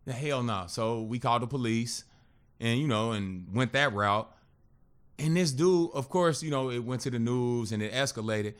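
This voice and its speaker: With a smooth, mid-range voice at normal speed, a man in his thirties shares a personal story as a podcast guest. The telling is casual, lively and full of profanity, with him acting out others' lines.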